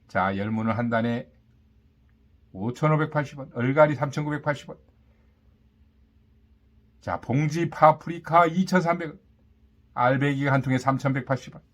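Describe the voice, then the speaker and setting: A man's voice: moderate pace, long pauses. A man working as a market vendor, calling out prices and specials in short, repetitive, boastful sales patter. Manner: hawking pitch, repetitive, punchy short phrases with boastful catchphrases. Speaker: market vendor announcing produce and meat prices.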